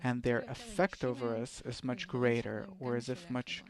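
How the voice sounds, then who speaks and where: A man's voice: mid-range voice, flat delivery, moderate pace, crowd noise. A man interviewing a guest, asking probing and puzzled questions.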